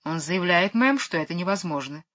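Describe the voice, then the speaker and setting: A woman's voice: lowish voice, animated, moderate pace, a bit bright, no room sound. Lady doing a prim bossy nanny, curt and matter-of-fact, dull lo-fi audio. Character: brisk, prim, self-assured female nanny. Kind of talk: audiobook character voice. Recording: dull lo-fi recording.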